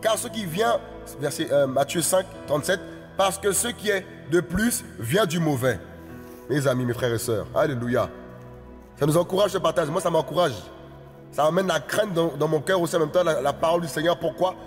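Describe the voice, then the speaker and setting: High-voiced man, fiery singsong sermon, long hall reverb, faint music behind. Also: normal speed. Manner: exhorting, repetitive, singsong preaching cadence. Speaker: preacher.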